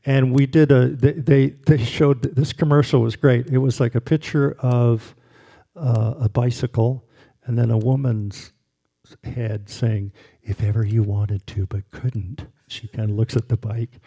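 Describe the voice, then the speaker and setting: Mellow-voiced man telling rambling stories. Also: medium pitch, fairly even intonation, measured pace, creaky. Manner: rambling storyteller with fillers and laughs. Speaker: guest, jingle composer. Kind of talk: casual anecdotes.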